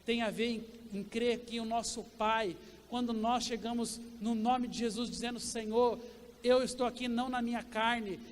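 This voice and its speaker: A Brazilian man preaching a sermon as pastor, asking the congregation questions and swinging between loud and quiet. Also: very high voice, big-room sound, slight background noise. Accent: Brazilian Portuguese. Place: church sanctuary.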